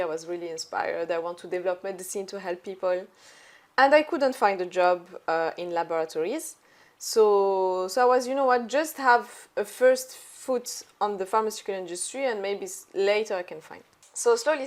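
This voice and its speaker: A young woman, speaking as an interview guest. Her talk is chatty and loose, strung together with "so" and "like." Her pitch sits in the middle of the usual range. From born in Algeria, raised in France. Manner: chatty, many "so" and "like" fillers. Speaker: guest, entrepreneur. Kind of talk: casual conversational storytelling.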